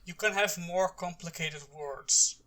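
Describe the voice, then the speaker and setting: Very bright-voiced native Dutch-speaking man. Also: high-pitched, unhurried. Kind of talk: casual discussion.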